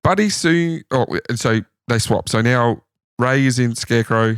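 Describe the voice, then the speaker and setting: A man's voice: medium pitch, normal speed, clear, resonant tone, no room sound, studio quality. An Australian man co-hosting a podcast, casually telling trivia stories from his notes. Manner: storytelling, recounting trivia from notes. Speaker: podcast co-host. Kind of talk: casual chat.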